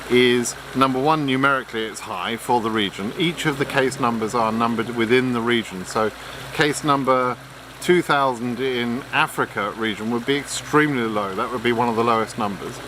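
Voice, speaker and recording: Against a noisy background, an immigration advice vlogger speaks in a medium-pitched voice. His unscripted explainer is frank and blunt, delivered lecture-style with plenty of ums and false starts.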